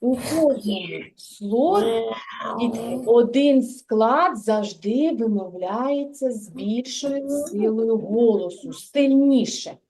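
A woman's voice: a little high, expressive, dark tone. A woman teaching a reading lesson to young children in a kindergarten classroom, drawing out and sing-songing words as she questions and corrects them. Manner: slow, drawn-out, sing-song repetition of words.

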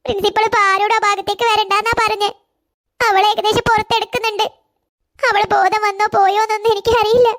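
A frightened little girl in a cartoon, crying as she talks, voiced by a woman. Her voice is very high and squeaky, and her words rush out breathlessly. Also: flat delivery, fast, fairly bright tone. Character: panicked little girl named Sneha. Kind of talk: cartoon voice acting.

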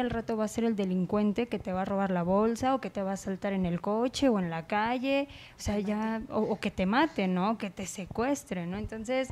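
A woman's voice: medium pitch, darkish tone. A woman lawyer, explaining earnestly in a talk show discussion. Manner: earnest, explanatory, acts out quoted teens. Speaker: lawyer guest.

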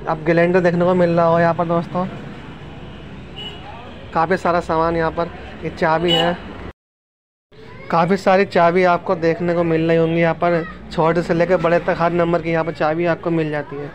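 A man's voice: a little high, monotone, normal speed, pauses often. A man in his thirties casually narrating a walking tour of an outdoor street market, chatty and often addressing viewers as friends, recorded on a handheld phone. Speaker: vlogger. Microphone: handheld phone camera. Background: street noise.

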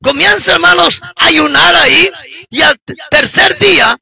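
A middle-aged man from Peru gives a fervent sermon testimony and often breaks into shouts. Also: very high-pitched, unhurried, vocal fry. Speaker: preacher giving testimony.

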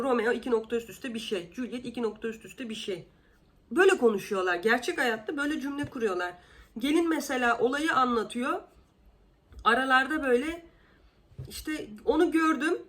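Indignant, sarcastic woman vlogger. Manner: animated, with sudden pitch jumps. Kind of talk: casual commentary.

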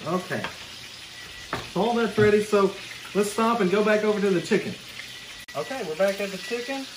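A man's voice: high-pitched, moderate pace. A young man hosting a casual cooking video in his home kitchen, chatting to the viewer as he chops and stirs. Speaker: cooking show host. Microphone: camera mic at a distance. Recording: noisy kitchen with sizzling pan. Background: frying and sizzling food.

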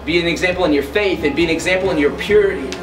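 A young man, a youth pastor, giving a short motivational talk to the camera, earnest and building to excited emphasis. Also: a little high, rapid-fire. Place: school locker room and long hallway, indoors. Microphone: camera a few steps away, no mic seen. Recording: roomy, distant sound with music underneath.

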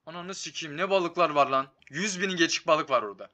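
A man's voice: on the high side, fast, pushed and bright. A man doing casual, slangy live commentary on a slot game, swearing and talking to it, his voice giving out from being a bit sick. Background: game music.

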